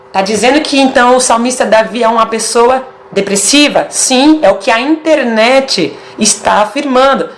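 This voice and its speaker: A woman's voice: a little high, a little hiss or hum. A woman with a Brazilian Portuguese accent giving a casual video sermon, emphatic and stacking short repeated phrases.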